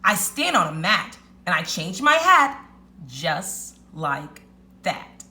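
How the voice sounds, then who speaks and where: A woman voicing a clever, excitable little male rat in a storybook read-aloud, with an emphatic, chanting, exclamatory delivery. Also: fairly low pitch, takes it slowly, full character voice. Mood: chanting, proud.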